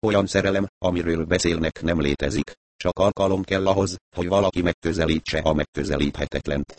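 Calm probing investigator, read by a man, measured reasoning, deep voice, dry sound, audiobook. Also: no echo, natural voice.

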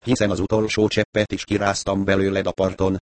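Bob, as a deep-voiced man reads him, a grumbling timid man. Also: completely flat delivery, a little mellow, dry recording, close to an everyday voice. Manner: grumbling, sullen. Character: grumbling, timid man stuck in a haunted cabin. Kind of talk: audiobook character voice.

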